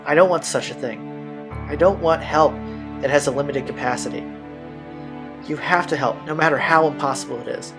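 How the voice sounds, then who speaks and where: This man's voice is a little high and brisk, and he pauses often while reading visual novel lines as the host of a playthrough. His delivery is informal and full of slang, with casual asides mixed in. Visual novel music runs underneath.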